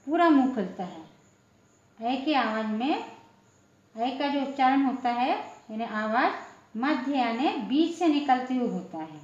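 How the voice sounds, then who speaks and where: Slow, high-voiced woman teaching letters. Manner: slow, repetitive, asks questions then answers them. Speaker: Hindi teacher. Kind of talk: classroom-style lesson explaining letters. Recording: echoey room, dull lo-fi sound.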